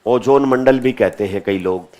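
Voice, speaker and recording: A man's voice: mid-range voice, normal speed, mellow. A male teacher giving a classroom lecture, asking questions and answering them himself, repeating key terms.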